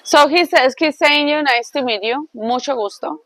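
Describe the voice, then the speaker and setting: A woman teaching a Spanish class, switching between English and Spanish in a lively, laughing way. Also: sits high, moderate pace, poor audio.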